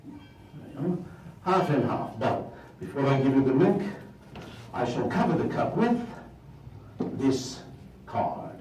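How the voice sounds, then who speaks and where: A man's voice: medium pitch, lively intonation, slow, long pauses, darkish tone, slight background noise. A man playing a jolly, bumbling Christmas wizard doing stage magic for a live audience, theatrical and chuckling. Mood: playful. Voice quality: theatrical, sing-song, chuckling. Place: stage in a hall. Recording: roomy hall, from far off.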